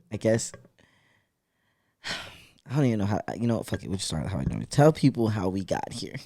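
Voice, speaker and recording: Male podcast host, low voice, dry close sound, banters and swears, laughs a lot. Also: big pitch swings, normal speed, dark tone, slightly rough, dry recording. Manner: joking, profane, laughs often. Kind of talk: casual chat.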